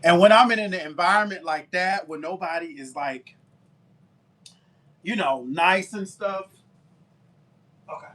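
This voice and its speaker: Southern US man, high bright voice, talkative live-stream baker. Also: unhurried, long pauses. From Alabama, US. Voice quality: talkative, warm down-home manner. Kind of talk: casual chat with live viewers.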